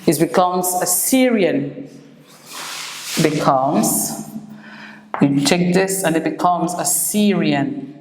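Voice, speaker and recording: Slow, low-voiced woman teaching English. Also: noisy background. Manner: slow, repeats each word for drilling. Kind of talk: classroom lesson. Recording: echoey room with long reverb.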